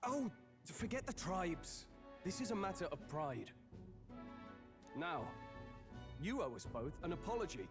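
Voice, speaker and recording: Eloquent young noble knight type, game acting, really swoopy pitch, music behind. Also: male voice, big pitch swings, a little slow, pauses often, heavily acted. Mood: proud, scornful. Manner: eloquent, lofty. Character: proud, chivalrous young nobleman recruit, polite but defiant.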